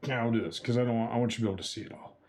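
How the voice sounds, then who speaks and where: In rapid-fire delivery with fairly even intonation, a young man with a mid-range, darkish voice chats casually on a charity stream. He describes each step of his chopsticks challenge to viewers with playful exclamations.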